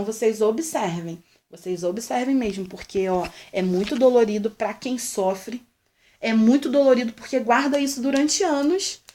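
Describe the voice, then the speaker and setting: A young woman with a Brazilian accent speaks in a slightly high voice. Her talk is heartfelt and direct, addressed to mothers. She circles back and repeats her pleas, earnest and insistent. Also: a little mellow. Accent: Brazilian Portuguese. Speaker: vlogger.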